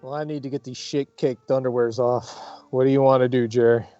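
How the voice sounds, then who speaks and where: A man playing a tabletop game in character, rattled and stammering, with a rough, crude way of talking. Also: mid-range voice, fairly even intonation, a little fast, dark tone, no echo. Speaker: player. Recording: dull lo-fi mic, faint piano.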